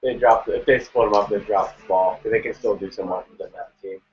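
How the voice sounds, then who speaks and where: A man co-hosting a live wrestling reaction show, opinionated and quick to laugh. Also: on the low side, steady tone, darkish tone, lo-fi sound. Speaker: co-host. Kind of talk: casual live reaction chat.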